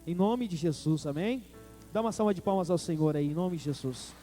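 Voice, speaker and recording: A Brazilian Portuguese-accented man preaches a sermon, calling out to the congregation. His voice sits high but sounds soft and mellow. Faint music plays behind him. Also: brisk. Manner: preaching with call-and-response to the congregation. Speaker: pastor.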